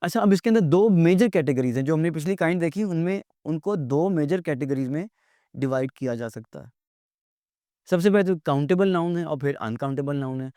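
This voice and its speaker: A man giving a recorded grammar lecture, explaining in Urdu-Hindi and reading English definitions slowly and deliberately, often correcting pronunciation. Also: a little high, expressive, mellow, dry recording, clean studio sound. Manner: corrects pronunciation by repeating words.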